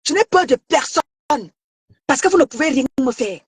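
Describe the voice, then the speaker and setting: A woman from Cameroon delivers a heated online rant in a very high voice, confrontational and taunting, often shouting and stammering as she repeats herself. The sound is dry and close, with no room around it. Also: animated, normal speed, no echo. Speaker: social media commentator.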